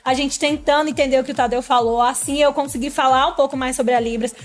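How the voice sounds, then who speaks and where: A woman's voice: high voice, steady tone, fast talker. A woman guest on a podcast interview, animatedly telling her story and acting out her own thoughts from that time. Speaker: guest, former reality show contestant.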